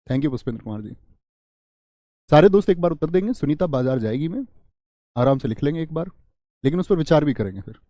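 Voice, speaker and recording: A man teaching Hindi grammar in a live online class, repeating key phrases slowly, quizzing viewers and answering their chat. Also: fairly high pitch, animated, warm tone, dry recording, clean studio sound. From India.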